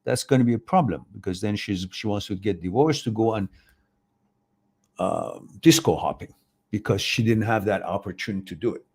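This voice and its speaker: A man hosts a live chat, reading viewer questions aloud and answering with opinionated, rambling advice. His voice is on the low side, a little mellow and husky, at a moderate pace. He acts out the voices of the people he quotes.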